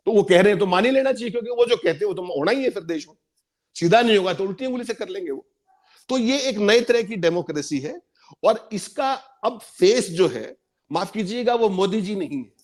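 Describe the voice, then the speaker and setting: A man's voice: high voice, a little mellow. A man giving emphatic political commentary on a panel, repeating points for stress.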